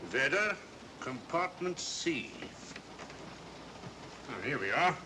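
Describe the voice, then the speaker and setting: An actor playing an officious, sceptical police inspector who questions everything, in 1940s mystery film style. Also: male voice, sing-song, slow. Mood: puzzled, businesslike. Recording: noisy old film soundtrack, train rumble.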